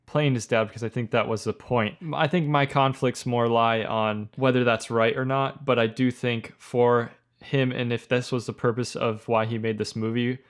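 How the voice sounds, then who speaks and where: A man with an ordinary mid-pitched voice reflects on a film in a relaxed podcast conversation. He hedges and weighs both sides, pausing on fillers as he works out his view. His tone is measured rather than forceful. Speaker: podcast co-host, filmmaker. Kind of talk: casual film discussion.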